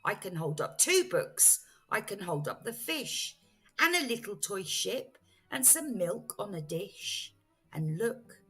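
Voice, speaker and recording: Woman voicing the mischievous, slow-talking Cat in the Hat. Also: on the low side, a bit bright, breathy edge, heavily acted. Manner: playful showman's patter. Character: mischievous, boastful, cheerful male cat in a hat. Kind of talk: children's storybook read-aloud.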